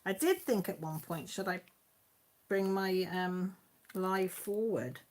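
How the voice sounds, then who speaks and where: Taking things slowly in a mid-range, slightly mellow voice, this YouTube channel host reads out comments during a casual live chat. She speaks with a Mid Wales Radnorshire accent and laughs often, her manner chatty and homely.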